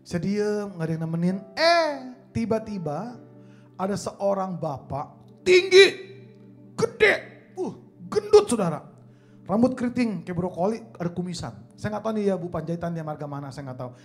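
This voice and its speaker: High-voiced man telling jokes at church. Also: lively intonation, a little fast, darkish tone, soft background music. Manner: joking storyteller who addresses the crowd as "Saudara". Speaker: guest speaker, singing coach. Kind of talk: humorous church talk. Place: church hall.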